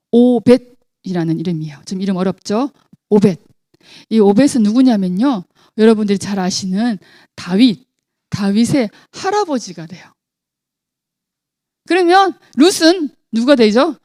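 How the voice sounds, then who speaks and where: Woman children's pastor, storytelling sermon, higher voice with lively swings, dry close sound. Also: no room sound. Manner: animated, asks children questions.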